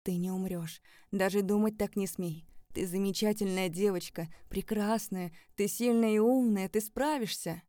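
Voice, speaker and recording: A woman voicing a calm young man who speaks softly and evenly to his lover, in an audiobook. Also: mid-range voice, normal speed, few pauses, no echo, close to an everyday voice. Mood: gentle. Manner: soft, even, quiet. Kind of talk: audiobook character voice.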